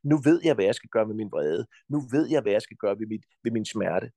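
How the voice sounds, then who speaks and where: A Danish man talking as a podcast guest, giving forceful advice bluntly and insistently, with frequent swearing. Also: fairly low pitch, expressive, dry recording.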